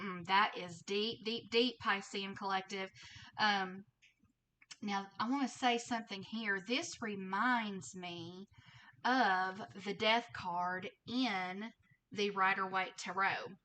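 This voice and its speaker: A woman's voice: medium pitch, sharp tone, a little hiss or hum, poor audio. A woman with a thick Southern US accent gives a casual tarot reading, conversational and often checking in with her listeners. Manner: conversational, with frequent check-in tags like 'okay?' and 'right?'. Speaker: tarot reader and host.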